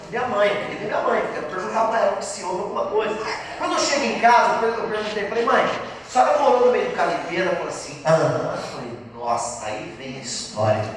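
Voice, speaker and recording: A Brazilian pastor with a São Paulo interior accent preaching a Pentecostal testimony sermon, acting out dialogue and rising to loud fervent calls. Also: male voice, high-pitched, a little hiss or hum. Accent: São Paulo interior Brazilian Portuguese. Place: church hall. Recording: very echoey church hall, voice from far off.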